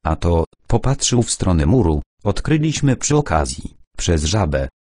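A young scout from an audiobook, giving a plain, matter-of-fact report, as a male narrator voices him. The tone is low and husky, with a dry, close sound. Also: sing-song, normal speed, darkish tone, no room sound.

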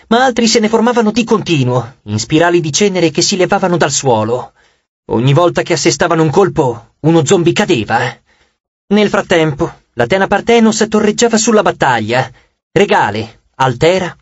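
A man's voice: high voice, animated, moderate pace, no room sound, lo-fi sound. A man narrating an audiobook with dramatic, scripted storytelling.

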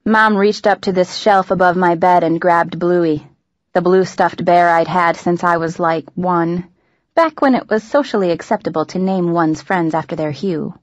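A woman narrating an audiobook in the first person, in a wry, deadpan manner. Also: on the low side, normal speed, dry recording, dull audio. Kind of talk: scripted narration.

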